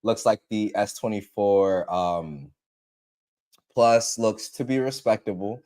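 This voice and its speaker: This livestream host has a lowish, slightly mellow voice and takes his time. He's running a casual tech stream, sounds a bit congested from allergies, repeats himself, and greets viewers by name.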